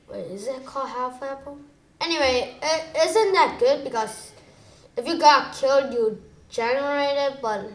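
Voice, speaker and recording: A woman giving chatty, excitable commentary while playing a video game, switching between low muttering and sudden exclamations. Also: roomy sound. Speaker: gamer. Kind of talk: gameplay commentary.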